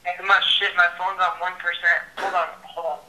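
A man's voice: sits high, little pitch movement, normal speed. A man chatting casually as a friend on a phone call, heard through a speakerphone. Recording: sharp roomy speakerphone, faint noise.

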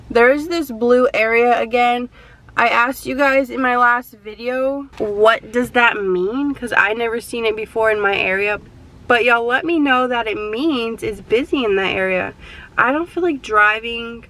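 A woman's voice: a little high, measured pace, a bit bright, rough recording. Chatty young woman vlogging from her car. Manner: chatty, rambling, frequent "like" fillers. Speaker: delivery driver vlogger. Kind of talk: casual chat while driving. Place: inside a parked car.

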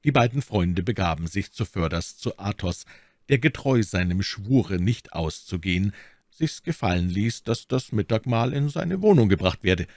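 A man narrating a classic novel as an audiobook reader in a steady storytelling voice. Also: fairly low pitch, moderate pace, no echo, studio quality.

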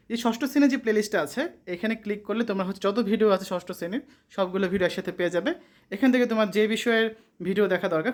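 A tutor from Bangladesh works through exam questions and their answers as a voice-over. The delivery is brisk and steady, at a middling pitch. Each question is read and answered in turn, with no pause for chat. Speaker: online tutor.

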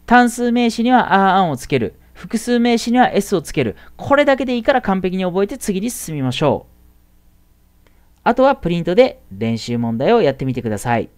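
A woman teaching a casual English grammar lesson to middle school students. She chats in a friendly way and draws out the English example words slowly. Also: mid-range voice, big pitch swings, darkish tone, clear, resonant tone.

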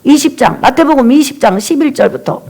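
A woman pastor preaches in a high voice. She retells the story by acting out each character's lines. She keeps calling on the congregation to read aloud and say amen. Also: expressive, a little fast, darkish tone. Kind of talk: sermon.

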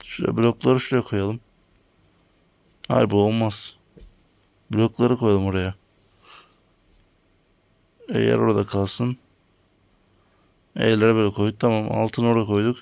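A man's voice: lowish voice, flat delivery, unhurried, vocal fry, long pauses, a little mellow, clean tone, no room sound. A man giving casual commentary on his own game, talking to viewers and grumbling about lag. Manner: talks to viewers while playing, grumbling at lag. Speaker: gaming channel host. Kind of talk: casual let's-play commentary.

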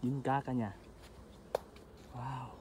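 A man narrating a casual food vlog outdoors by a stream, chatting to his viewers as family with excited exclamations. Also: medium pitch, drawn-out words, noisy background. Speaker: food vlogger.

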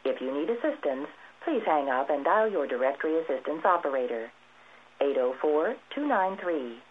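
A woman's voice: deep voice, expressive, husky. A woman reading a formal recorded phone message, played back over a telephone line. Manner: slow, evenly paced formal announcement. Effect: recorded intercept message played over a phone line. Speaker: telephone intercept announcer. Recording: tinny phone line with faint hiss.

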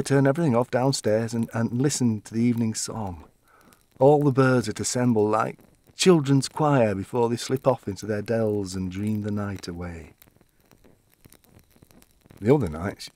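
An actor voices a medium-pitched elderly widower, gentle and wistful but fussily defensive, in an audio-play monologue where he tells his story in a reflective, halting manner.

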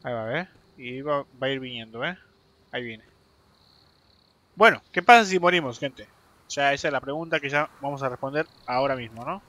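Talking straight to his audience, a young man from Argentina gives chatty live commentary while gaming, cursing and yelping whenever a fight goes wrong. His voice is medium in pitch, brisk, pushed and bright.

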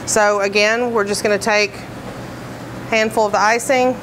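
Speaking a little slowly in a mid-range voice, this woman trains bakery staff by walking through decorating steps in practical, plain language, often using fillers. Her intonation stays fairly even, and the indoor commercial kitchen where she demonstrates has a noisy background.

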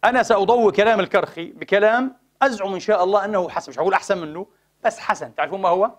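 A man giving a Friday sermon lecture, animated and full of rhetorical questions to the congregation. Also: high-pitched, very fast. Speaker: preacher.

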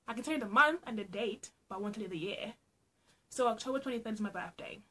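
Her voice is a little high, a bit bright and husky, and she speaks quickly. This young vlogger from Trinidad and Tobago, with a Trinidadian accent, laughs a lot as she playfully answers get-to-know-me questions in a small room at home.

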